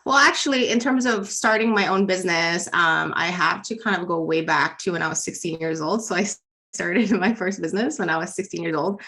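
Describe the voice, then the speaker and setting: Fairly low in pitch yet bright, this woman's voice is brisk and forceful. She's a business leadership coach in her thirties from the Philippines, a guest fielding interview questions in a friendly, casual manner full of fillers.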